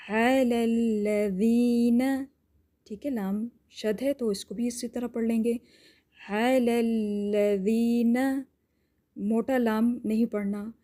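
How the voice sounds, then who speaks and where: A woman teaching Quran recitation rules. She explains each rule patiently and step by step, often checks in with "theek hai?", and stretches out words slowly to demonstrate. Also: fairly high pitch, dark tone. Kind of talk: tajweed lesson with slow drawn-out demonstrations.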